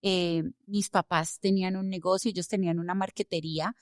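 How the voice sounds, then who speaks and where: A woman from Colombia, an immigration lawyer, speaking as a guest in a podcast interview, telling her story with animated emphasis. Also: lowish voice, a little fast, dry recording, studio quality.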